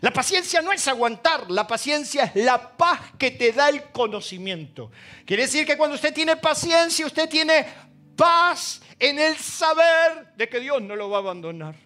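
A man with an Argentine accent preaching a sermon as pastor. He tells stories, acting out the quoted dialogue and swinging from loud emphasis to hushed asides. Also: very high voice, animated, measured pace. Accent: Argentine Spanish. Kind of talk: sermon with told anecdotes.

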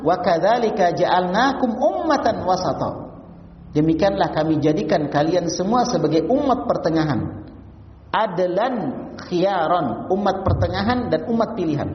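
High-voiced male preacher in an echoey hall. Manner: asks the congregation repeated rhetorical questions; recites Arabic verses, then translates them. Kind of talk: mosque study-circle sermon. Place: mosque hall. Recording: distant, echoey, dull-sounding hall recording.

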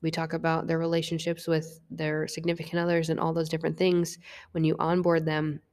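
Low-voiced frank woman, echoing room. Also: monotone, fairly quick, darkish tone. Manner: frank and confessional, swears freely, restarts often. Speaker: fitness coach. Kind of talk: candid personal monologue.

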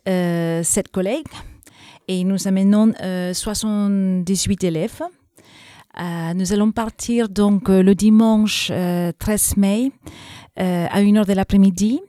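A woman from Texas speaks with an American accent as she answers radio interview questions. Her voice is warm and mellow at a middle pitch. She pauses often on filler sounds, and the recording is dry and close. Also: dry recording. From Texas, USA. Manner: hesitant, many filler pauses. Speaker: English teacher. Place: school.

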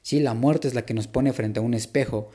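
A man giving an informal, reflective spoken lecture to the listener, unhurried, with frequent filler words and restarts. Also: mid-range voice, warm tone. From Latin America. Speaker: speaker giving a talk on psychology.

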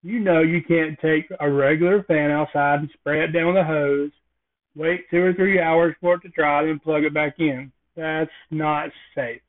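A man's voice: a little high, fairly even intonation, normal speed. A man hosting a casual solo podcast, rambling through jokey observational musings. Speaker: podcast host. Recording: tinny phone-like sound.

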